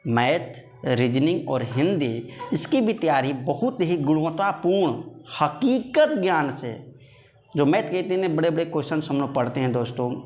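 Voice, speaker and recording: A man with a voice on the high side teaches an online exam coaching lesson, explaining emphatically to students and repeating phrases for stress. The recording sounds dull and lo-fi.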